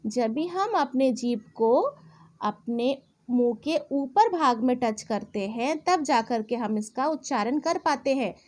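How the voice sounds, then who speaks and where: A young woman teaching a children's alphabet lesson, sounding out each letter slowly and deliberately. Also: high-pitched, expressive, darkish tone.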